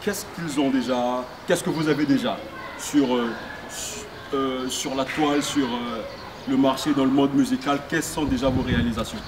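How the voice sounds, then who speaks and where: A man's voice: medium pitch, steady tone, moderate pace. A man interviewing rappers, casual and stumbling as he rephrases his questions. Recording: distant mic with noisy ambience.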